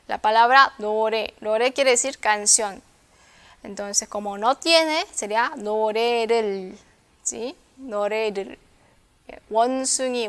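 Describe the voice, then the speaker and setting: Woman teacher, smooth clear voice, a bit high, patient and methodical. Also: fairly bright tone. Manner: patient, repeats words and checks understanding with "¿sí?". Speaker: Korean language teacher. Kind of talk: classroom lesson explanation.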